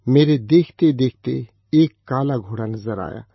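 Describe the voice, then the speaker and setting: A man reads scripture in a measured, solemn way, his voice husky and a little breathy. The recording is dry and close, with a dull, slightly lo-fi sound. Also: medium pitch, no echo. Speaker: scripture reader.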